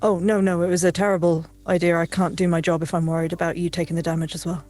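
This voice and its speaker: A woman with a somewhat low voice speaks haltingly at a tabletop game table. She pauses and fills gaps with "like" and restarts. Faint music sits behind her. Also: little pitch movement, darkish tone. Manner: hesitant, halting with fillers. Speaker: player.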